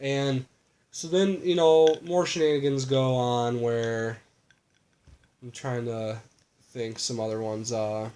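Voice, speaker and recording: A man's voice: mid-range voice, fairly even intonation, slow pace, a little mellow, a little hiss or hum. Rambling male co-host recapping a movie. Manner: rambling, lots of fillers and crude jokes. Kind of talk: casual chat.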